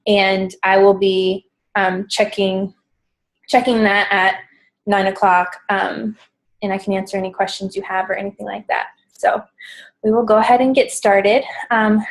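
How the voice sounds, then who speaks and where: A pregnant woman in her thirties leads a pre-recorded team coaching call from home, talking casually with many ums and sounding a little out of breath. Her voice is medium-pitched, and the audio quality is poor.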